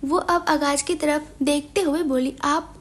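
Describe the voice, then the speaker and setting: A woman narrating a romance story in a scripted audio book, with an even storytelling delivery. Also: high-pitched, unhurried.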